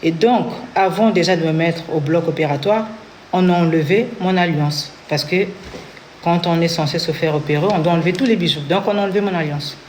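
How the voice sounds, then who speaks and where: A woman's voice: fairly low pitch, a little fast, a little mellow, a little hiss or hum. A woman from Congo with a Congolese French accent, telling her own story in an earnest testimony and acting out what others said. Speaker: interviewee giving a testimony. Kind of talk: personal testimony.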